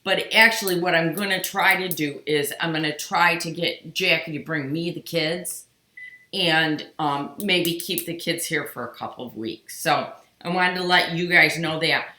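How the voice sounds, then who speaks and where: A middle-aged woman talks slowly and chattily on a live stream, her bright, forward voice carrying a tired, yawning edge. She greets viewers by name as she speaks into a webcam on her sewing table. The home room adds a roomy echo. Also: low voice. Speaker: quilting show host. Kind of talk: live-stream casual chat. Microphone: computer webcam on sewing table.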